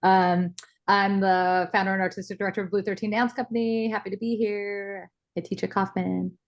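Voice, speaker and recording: A woman's voice: mid-range voice, flat delivery, moderate pace. A woman introducing herself on a video call, friendly and a little flustered. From Los Angeles. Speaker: panel attendee, dance company director.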